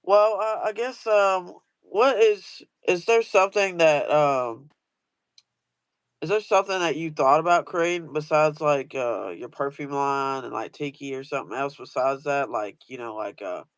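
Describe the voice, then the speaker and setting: A man's voice: fairly high pitch, a little slow, clean tone, dry recording. A man chatting casually as host, rambling through a story with many fillers and restarts. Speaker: host asking guest questions.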